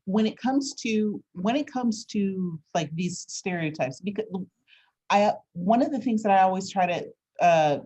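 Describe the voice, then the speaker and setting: A woman interviewer talking conversationally, explaining her thoughts in a deliberate, halting, reflective way. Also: mid-range voice, animated, dark tone.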